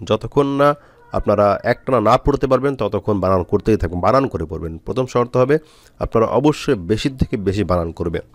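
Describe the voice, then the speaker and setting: A man teaching Quran reading, spelling out letters and syllables slowly with frequent pauses. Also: fairly low pitch, darkish tone, dry recording. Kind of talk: step-by-step spelling lesson.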